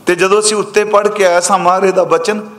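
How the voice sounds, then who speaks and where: A man preacher giving a sermon of scripture commentary, slowly chanting verses between plain explanations. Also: high-pitched, level tone, a bit bright. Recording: echoey hall reverb.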